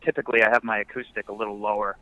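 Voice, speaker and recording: This young musician races through his casual phone interview, his lowish voice level but pushed and bright, full of fillers as he rambles. There's no echo, just a muffled phone line.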